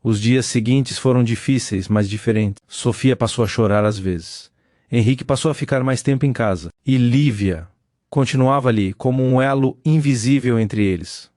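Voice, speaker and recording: Man, solemn scripted narration, mid-pitched voice, dry close sound. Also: moderate pace, darkish tone, no echo.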